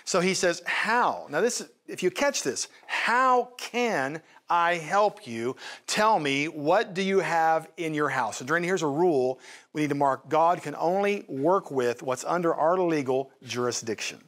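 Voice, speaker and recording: Guy teaching on a show, kinda high voice, gets really animated. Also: normal speed. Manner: animated, acts out Bible voices. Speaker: host and teacher.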